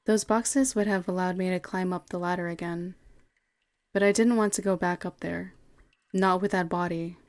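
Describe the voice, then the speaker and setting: A woman streamer reading game text aloud in a measured way and answering her chat in quick asides, recorded at a home streaming setup. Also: on the low side, fairly even intonation, no echo.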